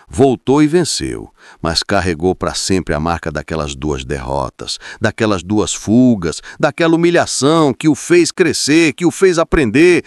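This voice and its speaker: A man's voice: medium pitch, dry recording, clean studio sound. A man giving a dramatic scripted narration, solemn and rhythmic, building emphasis through repeated phrases. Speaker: storyteller.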